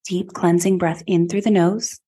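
A woman podcast host and yoga teacher leading a guided meditation in a slow, soothing, calm way. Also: fairly low pitch, husky.

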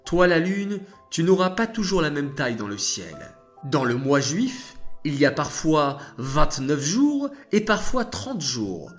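A man voicing a kind, patient God who consoles the moon in a children's story, speaking low, slow and reassuring. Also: big pitch swings, faint music behind. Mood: explaining.

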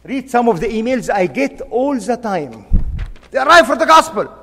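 Middle-aged male preacher, emphatic sermon delivery, swooping pitch, long hall reverb. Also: very animated, normal speed, fairly bright tone. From Egypt. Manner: impassioned, emphatic, repeats key phrases.

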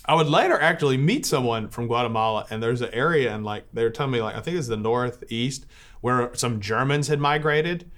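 Priest, man, informal church talk, chatty storytelling, mid-pitched voice. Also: brisk. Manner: relaxed storytelling with filler words.

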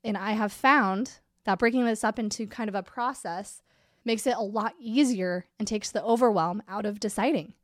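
A congested woman hosts her business podcast in a candid, upbeat chat. Her voice sits at a middle pitch. The sound is dry and close, with no room around it. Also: moderate pace, no echo. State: congested from a cold. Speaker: podcast host and business coach. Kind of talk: casual solo podcast talk.

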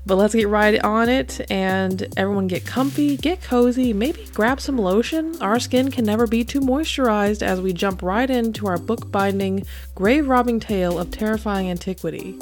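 A woman's voice: medium pitch, normal speed, hardly any pauses, a little mellow, soft background music. A woman hosting a podcast with scripted narration in a playful, theatrical manner, her voice a little affected by being sick. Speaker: podcast host.

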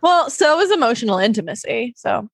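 A young adult woman co-hosting a podcast in casual, comedic chat, blunt and dramatic and quick to swear. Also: a little high, very animated, creaky, no echo, clean studio sound. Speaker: podcast co-host.

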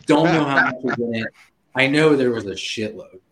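A man's voice: mid-range voice, moderate pace, echoey room, a crowd in the background, low-quality recording. A man telling a story in casual podcast talk, laughing often and swearing freely. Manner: laughing, profane, animated storyteller. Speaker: guest.

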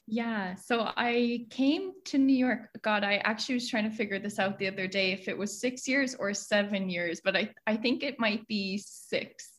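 A woman's voice: medium pitch, normal speed, hardly any pauses, fairly bright tone. Chatty young Irish woman, west of Ireland accent. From Galway, west of Ireland. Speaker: podcast guest, social media professional. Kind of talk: casual interview chat.

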